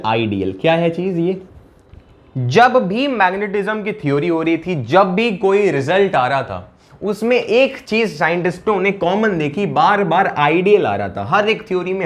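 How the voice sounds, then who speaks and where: Male physics teacher, high voice, chatty, repetitive classroom delivery. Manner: conversational, repeats phrases, asks "yes or no?" often. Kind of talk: classroom lecture.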